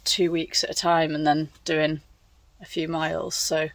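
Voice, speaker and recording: A woman's voice: low-pitched, level tone, measured pace, no echo. Chatty young woman vlogging. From England. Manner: chatty, thinking aloud with fillers. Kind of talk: casual travel vlog chat. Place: outdoors on a canal narrowboat. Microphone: phone at arm's length.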